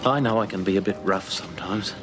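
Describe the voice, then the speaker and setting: An actor playing a blunt, proud older Australian man in a television soap, speaking plainly and haltingly. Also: sits low, natural voice. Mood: apologetic. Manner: halting, gruff, plain-spoken. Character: blunt, stubborn, proud but good-hearted older bloke. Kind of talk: television soap drama acting. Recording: TV soundtrack with music underneath.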